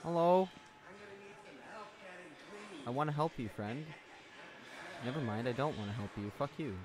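A man giving casual gameplay commentary, swearing a lot, talking to the game's characters and yelling when startled. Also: mid-range voice, expressive, unhurried. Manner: jumpy, yells when startled. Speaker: let's play host.

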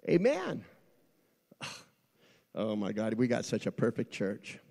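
Lively, gravelly preacher man in reverb. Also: on the low side, slow pace. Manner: folksy, swings from quiet asides to shouting. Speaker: pastor. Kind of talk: sermon. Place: church. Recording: long church reverb.

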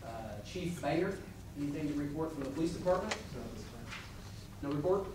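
A man's voice: fairly high pitch, fairly quick. Echoey, distant American man chairing a meeting. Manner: procedural, matter-of-fact. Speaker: village board president chairing meeting. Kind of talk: formal meeting procedure. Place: village board meeting room, indoors. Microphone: far camera from audience. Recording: distant mic, very echoey noisy meeting room.

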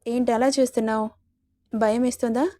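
A teasing, coaxing young male lover, read out by a woman storyteller. The voice sits a little high and sounds mellow and warm, recorded close and dry. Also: level tone, brisk, no room sound, natural voice. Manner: coaxing, playful.

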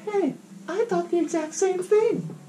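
A man voicing a cheerful young girl in a game, in a high, chirpy falsetto. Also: measured pace, warm tone. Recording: guitar music playing behind.

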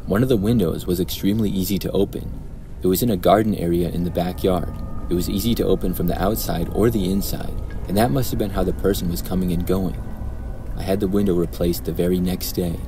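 A man narrating true horror stories in a calm, even storytelling manner. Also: sits low, brisk, music in the background, rough recording.

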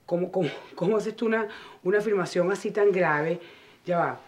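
A woman's voice: lowish voice, moderate pace, natural voice. An actress with a Venezuelan accent playing a worried mother who pleads hesitantly and stalls with repeated words, in a telenovela. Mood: anxious, pleading. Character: worried mother urging caution about gossip. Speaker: mother of Clara. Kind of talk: telenovela acting.

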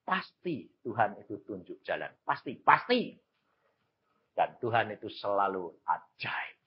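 A man's voice: fairly low pitch, very animated, a little slow, muffled recording. An elderly man around eighty with a Javanese accent, preaching a sermon in an emphatic, folksy way and speaking straight to his congregation. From Central Java, Indonesia. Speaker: evangelist preacher.

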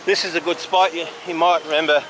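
An Australian man, a walking tour vlogger, gives casual, halting walk-and-talk commentary while strolling along a city street and pointing out sights. His voice sits on the high side with a flat delivery and a fairly bright tone. The audio is poor, an outdoor street recording full of clear traffic and vehicle noise.

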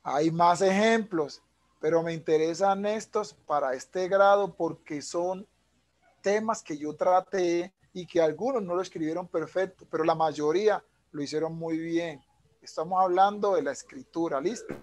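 Guy teacher on a video call, kinda high voice, slow patient explaining. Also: a little mellow. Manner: patient, explanatory, mixes English examples. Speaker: English teacher. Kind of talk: online class explanation.

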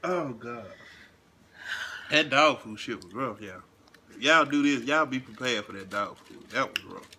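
A man co-hosting a casual challenge video at home, talking in loud, profane, joking banter. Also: mid-range voice, expressive, unhurried, slight background noise. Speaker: vlogger's husband, co-host. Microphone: phone.

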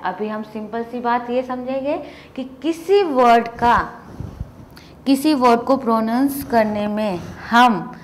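A woman's voice: fairly high pitch, a little hiss or hum. A woman teaching English grammar in a classroom-style lesson, asking rhetorical questions and answering them herself.

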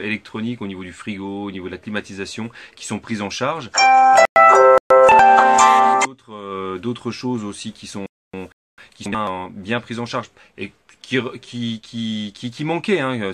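Guy at a camper van show stand explaining loans, lots of euhs, lowish voice. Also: fairly bright tone. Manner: hesitant, many fillers and restarts. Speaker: camper van financing advisor. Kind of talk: casual explanatory chat.

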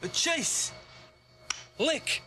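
A young man playing a timid, dog-like young man who speaks haltingly and eagerly. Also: bright, forceful tone, faint music behind, full character voice. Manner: halting, hesitant, eager to please.

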